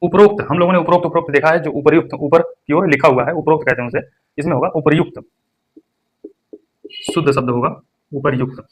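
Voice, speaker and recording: A young man teaching an exam-prep Hindi lesson. He stresses each word and then repeats it slowly. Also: on the high side, fairly even intonation, breathy edge.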